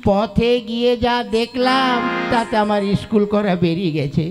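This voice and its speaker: A man's voice: very high-pitched, moderate pace. A man voicing a mischievous schoolboy in a folk puppet show, who schemes and fakes sing-song sobbing. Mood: whining tattling. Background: tabla and folk music.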